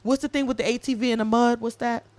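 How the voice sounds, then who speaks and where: A woman in her late thirties co-hosting a podcast, talking in a casual, animated, jokey and heartfelt way. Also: a little high, quick pace, no room sound. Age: 30s. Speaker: podcast co-host. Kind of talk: casual chat.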